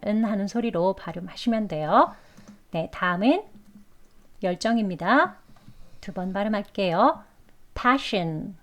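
A woman's voice: fairly high pitch, darkish tone. A woman teaching English pronunciation to Korean learners, patiently drawing out each example word. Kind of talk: pronunciation lesson.

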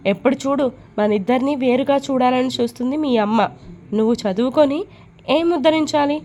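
A woman voicing a hot-headed young wife who complains and sneers, fairly high-voiced. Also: a little fast, warm tone, slight background noise, lightly acted. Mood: resentful. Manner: complaining, scornful.

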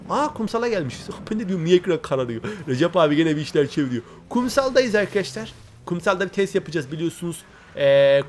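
A man hosting a gaming channel, giving chatty, excitable commentary and talking straight to his viewers. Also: fairly high pitch, a little hiss or hum. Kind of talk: casual gameplay commentary.

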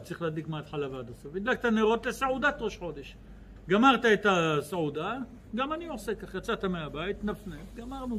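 A man with a high, bright voice delivers a religious lecture to an audience in a hall. He speaks in the manner of a lively storyteller, swooping up and down in pitch and putting questions to his listeners. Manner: lively storyteller who acts out dialogue in his stories; addresses the audience directly with questions. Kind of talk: Torah lecture with humorous stories.

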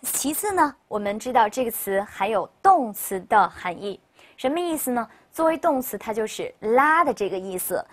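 Fairly high-pitched and very animated, this woman leads a recorded English vocabulary class with bright, chatty explanations in Chinese. Frequent upbeat "OK, 好的" mark her transitions, and she stretches words out slowly when modeling them for students to repeat.

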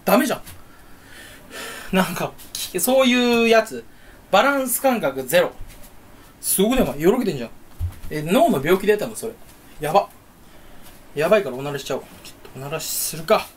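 A young man rambling on his own in a room at home. He is goofy and jumps around in pitch, and he teases himself as he goes. A faint hiss runs under his voice. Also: sing-song, a little fast, pauses often. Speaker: YouTuber. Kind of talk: solo casual chat to camera.

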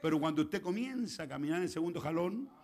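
High-pitched Chilean pastor preaching. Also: male voice, expressive, quick pace. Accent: Chilean Spanish. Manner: swings from quiet asides to shouted preaching, acts out quoted prayers. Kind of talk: sermon. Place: church.

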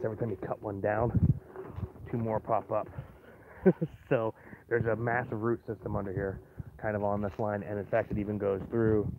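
Male homesteader, chatty walkaround vlogger, filler-heavy delivery; outdoor phone recording, thin and tinny with faint hiss. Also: medium pitch. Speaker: homesteader giving a property tour. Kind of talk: casual walkaround narration. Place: outdoors on a rural homestead yard. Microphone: phone camera held while walking. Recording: tinny phone-line sound with faint noise.

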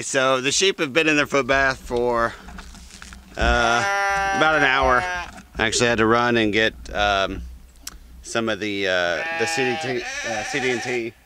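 A man's voice: medium pitch, background noise. A man, explaining farm chores in a loose, casual way with lots of fillers, recorded outdoors on a camera. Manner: folksy, loose, with many fillers. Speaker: farmer vlogger. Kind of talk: casual how-to talk. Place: outdoor sheep pen on a farm. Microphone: handheld or body camera. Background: sheep bleating.

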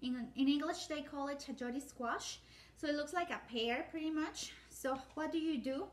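Chatty woman, high voice. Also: normal speed. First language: Spanish. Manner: chatty and rambling, with many fillers and self-corrections. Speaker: home cooking channel host. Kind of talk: casual cooking demonstration. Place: home kitchen, indoors. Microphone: phone or camera set up on the counter, framed from the waist up.

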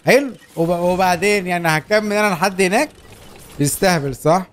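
A young man with an Egyptian Arabic accent, hosting a gameplay video in a fast, laughing banter. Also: sits high. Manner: animated, laughing, quick banter. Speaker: gaming YouTuber. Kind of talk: excited gameplay chat.

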